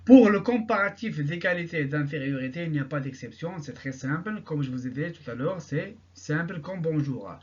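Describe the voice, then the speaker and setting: A man teaching an English grammar lesson, repeating each example sentence slowly and answering his own questions. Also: on the high side, lively intonation, darkish tone, highs cut off.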